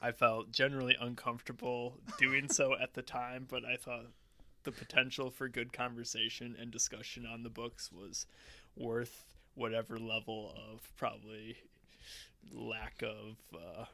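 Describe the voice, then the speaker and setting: A man's voice: medium pitch, flat delivery, measured pace, gravelly, pushed and bright. A man in casual podcast chat, talking in a wry, rambling way and laughing often. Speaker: podcast co-host.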